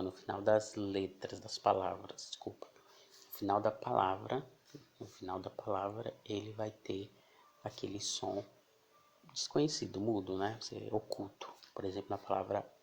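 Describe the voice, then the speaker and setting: Guy teaching english, really slow and patient, low gravelly voice. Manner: slow, explaining patiently with frequent tag questions. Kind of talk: online English lesson.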